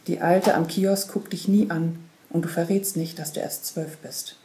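A woman narrating a literary story in a quiet, measured way. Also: lowish voice, steady tone. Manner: quiet, measured second-person telling. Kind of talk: literary reading.

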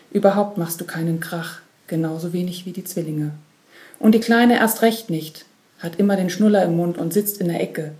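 A woman narrating a literary story in a quiet, measured way. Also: fairly low pitch. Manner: quiet, measured second-person telling. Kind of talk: literary reading.

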